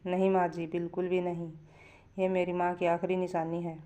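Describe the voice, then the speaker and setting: A woman's voice: on the low side, little pitch movement, moderate pace, mellow, natural voice. A woman voicing a young daughter-in-law who firmly and resolutely refuses to give in. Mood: defiant. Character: defiant young daughter-in-law, long patient, now standing firm.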